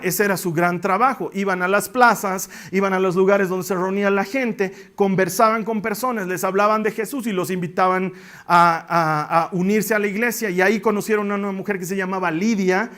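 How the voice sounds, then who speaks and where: High-voiced Bolivian preacher telling stories. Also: male voice, a bit bright. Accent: Bolivian Spanish. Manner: humorous, storytelling, asides to audience. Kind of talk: sermon.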